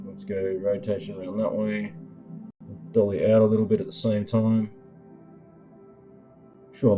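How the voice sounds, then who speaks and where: A man demonstrating his own app in a screen-recording tutorial, explaining each control in an unhurried way, with lots of ums and uhs as he thinks aloud. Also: fairly low pitch, warm tone. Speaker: developer demoing his app.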